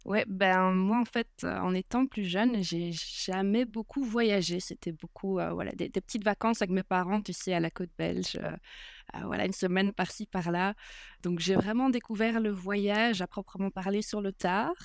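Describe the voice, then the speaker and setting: A young woman talks as a podcast guest in a relaxed, unhurried way. She pauses often and fills gaps with small hesitations. Her voice is smooth and resonant, and the recording is dry with no room sound. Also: medium pitch, dry recording. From Belgium. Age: 20s. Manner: hesitant, many filler pauses. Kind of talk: casual interview chat.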